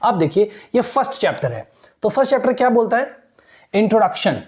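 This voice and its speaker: A woman giving an exam-prep lesson in a mellow, warm voice. She reads English phrases slowly, then explains them at a quicker pace. She keeps asking rhetorical questions and checking that her listeners follow. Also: medium pitch, sing-song. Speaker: teacher.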